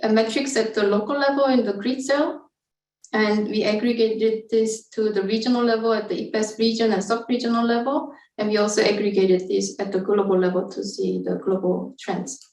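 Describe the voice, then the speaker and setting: A woman researcher explains her study methods in a scientific webinar, speaking somewhat hesitantly. Her mid-range, darkish voice is fairly even and moderately paced, recorded far from the mic in an echoey room.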